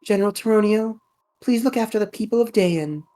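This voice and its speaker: A woman voicing a gentle, resigned young king with measured, formal, noble delivery in a video game story. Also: medium pitch, close to an everyday voice. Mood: sorrowful farewell. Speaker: reader of a game character's lines. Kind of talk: dramatic video game dialogue reading.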